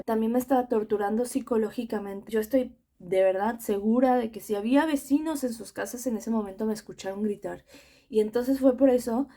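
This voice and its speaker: A young woman with a Mexican Spanish accent recounts a personal testimony in an earnest, conversational way. Her voice is warm and mellow, with a gravelly fry running through it. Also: a little high. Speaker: author telling her own story.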